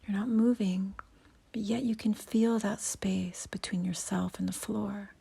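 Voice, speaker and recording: A woman leads a guided breathing and meditation lesson. Her voice is extremely husky and airy, close to a whisper, with a dark, relaxed tone and a creaky edge. She gives soft, unhurried instructions as a yoga teacher. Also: medium pitch.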